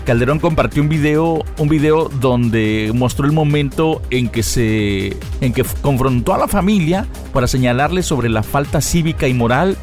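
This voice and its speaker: A man with a Mexican Spanish accent hosting a lively local morning radio show, playful and slangy, drawing out words to hype up listeners. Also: mid-range voice, moderate pace, hardly any pauses, soft background music. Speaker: radio host.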